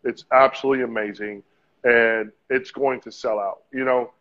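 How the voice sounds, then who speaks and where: A man's voice: mid-range voice, fairly even intonation, normal speed, a loud crowd. A man in casual chat, agreeing easily and filling his talk with "like" and "um". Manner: agreeable, fillers like "like" and "um". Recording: dull, muffled sound.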